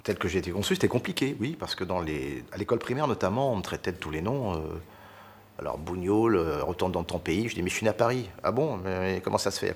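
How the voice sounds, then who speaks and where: A man's voice: low voice, slight background noise. A man in his sixties giving an interview testimony in a conversational way. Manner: conversational with fillers.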